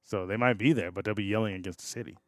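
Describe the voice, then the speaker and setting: A man's voice: fairly low pitch, very fast, dry recording, studio quality. A man co-hosting a podcast in casual chat, rambling and laughing often, trailing off mid-thought. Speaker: podcast co-host.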